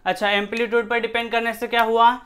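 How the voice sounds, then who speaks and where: A man's voice: extremely high pitch, little pitch movement, fast, a bit bright. Male science teacher, casual, repeats and self-questions. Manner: repetitive, rhetorical questions, shifts voice to demonstrate. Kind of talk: casual classroom explanation.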